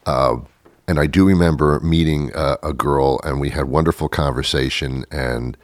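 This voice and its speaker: A man's voice: rumbling low, normal speed, no room sound, studio quality. A man in his thirties hosting a talk show, rambling through a sarcastic, self-mocking monologue that often trails off. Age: 30s.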